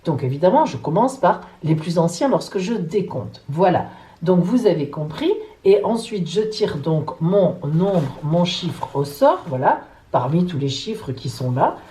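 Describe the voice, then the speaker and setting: Woman, astrologer vlogger, warm mellow tone, lively swooping pitch, chatty and playful. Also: measured pace, poor audio. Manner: chatty, playful, jokey asides. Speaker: psychic astrologer. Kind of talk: casual chatty vlog.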